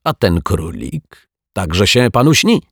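Man playing a raspy storybook magician, low, slow, mocking, menacing. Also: very animated, dry recording, studio quality, heavily acted. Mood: teasing. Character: sly raspy male stage magician, menacing.

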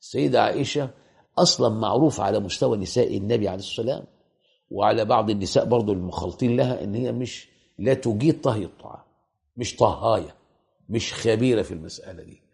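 A man's voice: on the low side, very fast, gravelly, darkish tone. A man with an Egyptian Arabic accent giving a colloquial religious lecture, asking rhetorical questions and repeating points for emphasis. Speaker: preacher.

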